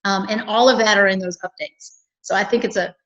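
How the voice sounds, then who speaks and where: A woman's voice: mid-range voice, steady tone, a little fast, fairly bright tone, muffled recording. A woman from a chamber of commerce, talking earnestly and cheerfully in a local cable TV interview, with lots of fillers and restarts.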